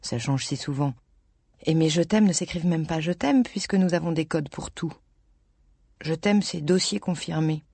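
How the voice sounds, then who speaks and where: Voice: medium pitch, normal speed, a little mellow, breathy edge, no room sound. Reader voicing a rueful woman in her thirties. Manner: rueful, self-mocking, confiding. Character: wistful woman in love with a married man. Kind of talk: audiobook reading.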